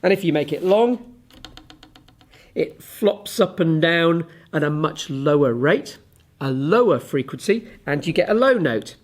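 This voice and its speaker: A man teaching a physics lesson to camera, chatty and unhurried, often pausing with ums while he demonstrates with objects. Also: fairly high pitch, lively intonation. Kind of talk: relaxed classroom explanation to camera.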